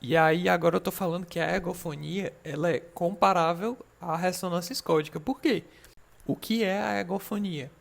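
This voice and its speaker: A man's voice: high voice, normal speed, gravelly. A young Brazilian man giving a recorded medical lecture, explaining patiently and often checking that students are following. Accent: Brazilian Portuguese. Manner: explanatory, reassuring, frequent check-ins with students.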